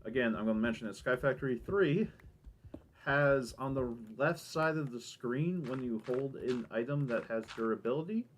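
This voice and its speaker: In this low-quality recording, a gamer doing a let's play talks at normal speed in a medium-pitched voice. His commentary is casual and rambling as he thinks out loud, and his S sounds come out with a whistling hiss from a slight lisp.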